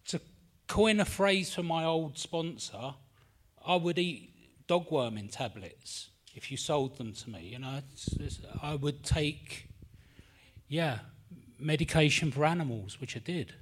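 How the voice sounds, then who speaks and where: This fairly high-voiced, middle-aged man from London speaks unhurriedly in his London accent. At a support meeting in a meeting room, he gives a rambling, candid personal share, swearing freely and admitting he feels nervous.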